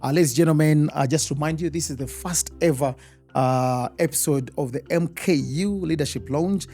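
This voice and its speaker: A man's voice: on the high side, moderate pace, mellow, husky, faint music behind. A man with a Rwandan accent hosting a student podcast, full of "uh" and eager "wow" reactions. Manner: many fillers, eager reactions. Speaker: podcast host. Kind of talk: casual interview chat.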